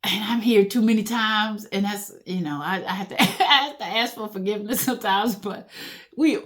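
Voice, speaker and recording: A middle-aged woman talks in a relaxed, folksy way, and her laughter keeps breaking through as she reads out jokes. Her pitch sits at a middle level for a woman. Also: moderate pace. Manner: laughs often, animated, folksy Southern-style talk. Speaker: host reading funny memes. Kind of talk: casual chat.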